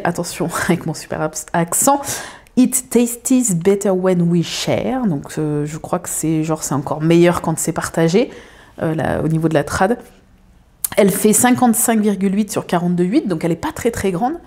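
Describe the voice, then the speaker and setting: A woman's voice: lowish voice, a little mellow. A woman chatting casually to her viewers at home, rambling with lots of fillers and restarts. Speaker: craft video creator.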